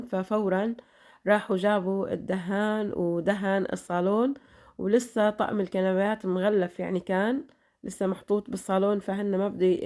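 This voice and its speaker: Brief: middle-aged woman vlogger, Levantine Arabic accent, tired voice, quick chatty delivery, mid pitch. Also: darkish tone. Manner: chatty, repeats blessings and fillers. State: tired voice after illness. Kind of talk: casual chat to followers.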